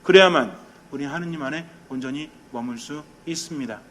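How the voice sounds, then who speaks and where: Lively Korean priest preaching a homily. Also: male voice, fairly high pitch, brisk. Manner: lively and conversational, questions the congregation, mimics quarrels; drops to a soft, quiet tone for meditation. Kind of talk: sermon.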